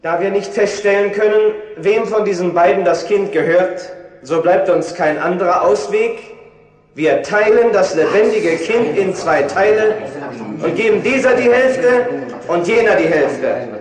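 A just king on his judgment seat, calm and commanding, in a biblical radio play. His voice sits high. It rings with a long hall echo. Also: a little slow.

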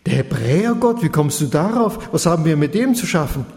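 Male reader doing an urgent storybook son, pushed higher, hall echo. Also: lively intonation, fairly quick, darkish tone, faint music behind. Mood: disbelieving. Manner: urgent, disbelieving. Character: distraught grown Egyptian son. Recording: long hall reverb.

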